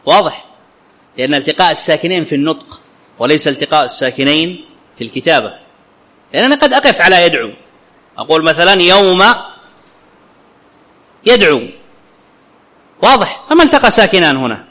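A man's voice: fairly high pitch, sing-song, pushed and bright. Arabic grammar teacher quizzing his class. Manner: questions students often, checks understanding; recites quotations slowly and carefully.

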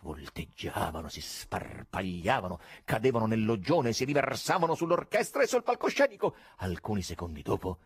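A man narrating an audiobook in a measured, dramatic storytelling manner, with a husky voice. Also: fairly low pitch, sing-song, no room sound. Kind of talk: scripted narration.

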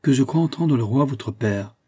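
A man's voice: mid-range voice, lively intonation, normal speed, dark tone, breathy edge, voice pushed up. A man reading aloud voices a proud old queen mother who speaks in a haughty, reproachful way.

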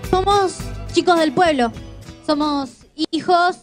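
Argentine woman, deliberate rally speech, high register. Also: music in the background. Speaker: youth speaker at a rally. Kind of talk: protest speech.

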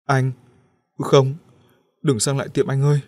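A man's voice: medium pitch, flat delivery, a little slow, darkish tone, dry recording, studio quality, voice pushed up, natural voice. A man voicing a frightened young woman who pleads with her husband and mother in an audio story. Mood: pleading. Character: young woman, terrified wife.

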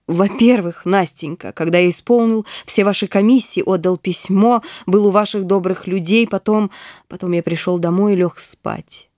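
A woman's voice: medium pitch, normal speed, a little mellow, no room sound, studio quality, natural voice. A woman reading an audiobook, voicing a shy, lovesick young man in a plaintive, hesitant way. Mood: pleading.

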